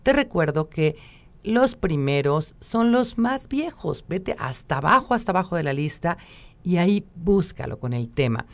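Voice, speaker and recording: Mexican woman radio host, lowish voice, upbeat, reads listener greetings on air. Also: expressive, measured pace. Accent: Mexican Spanish. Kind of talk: live radio talk show.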